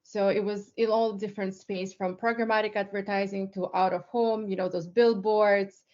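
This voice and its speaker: A woman's voice: mid-range voice, steady tone, normal speed, darkish tone. A woman from Lithuania, a tech company co-founder, giving a casual webinar presentation with many fillers and restarts over a video call. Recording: slightly dull online call audio.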